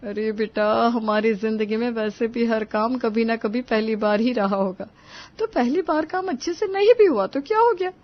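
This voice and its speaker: A woman's voice: on the high side, moderate pace, lo-fi sound, natural voice. Woman voicing a kindly motherly neighbor aunt. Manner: gentle, reassuring. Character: kindly middle-aged female neighbor, motherly.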